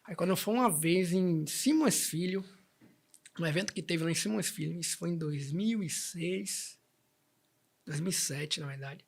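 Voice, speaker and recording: A man's voice: a little high, moderate pace, gravelly. A man, chatting as an interview guest and telling his story with many restarts. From Salvador, Bahia, Brazil. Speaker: guest, band president. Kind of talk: casual interview chat.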